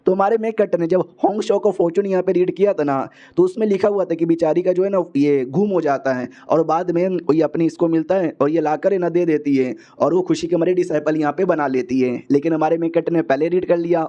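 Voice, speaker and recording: A man's voice: fairly high pitch, fairly quick, hardly any pauses, mellow. A man casually retelling a comic story in a slangy, chatty way, heard as a dull lo-fi recording. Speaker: manhwa recap narrator.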